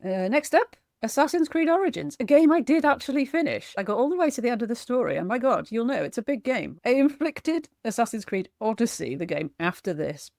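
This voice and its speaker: A woman's voice: a little high, very animated, a little fast, a little mellow, dry recording, clean studio sound. A woman chatting casually about games she played, self-deprecating and laughing often. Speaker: gaming vlogger and streamer. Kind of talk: casual chat reviewing games.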